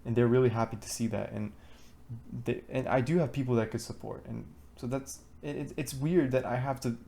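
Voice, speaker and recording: A man's voice: mid-range voice, steady tone, brisk, creaky, warm tone. A teenage boy talking to a camera for his diary vlog, rambling with many fillers and restarts. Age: teens. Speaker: student vlogger. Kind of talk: diary-style talk to camera.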